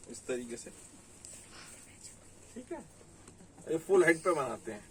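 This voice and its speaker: A man's voice: fairly high pitch, a little mellow, recorded from a distance, a little hiss or hum, poor audio. A man with a Delhi Hindi accent who runs a saree shop, chatting casually as he shows garments and reads out prices and sizes. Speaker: saree shop owner selling online. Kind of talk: casual sales talk showing garments.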